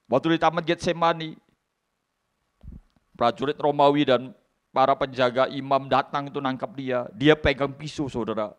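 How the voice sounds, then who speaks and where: A man pastor preaching a sermon in a church, swinging from hushed asides to loud exclamations and acting out the voices in his story. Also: medium pitch. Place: church hall.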